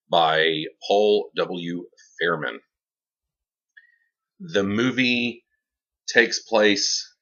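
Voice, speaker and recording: A man hosting a horror movie show in a campy, theatrical horror-host style with drawn-out phrasing. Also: lowish voice, bright, forceful tone, muffled recording.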